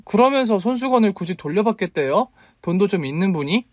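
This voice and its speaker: A man's voice: a little high, lively intonation, unhurried, a little mellow, dry recording, studio quality, pitched above the performer's own voice. A man voicing a flustered young woman who snaps with indignant questions, reading a story. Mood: puzzled. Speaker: story reader.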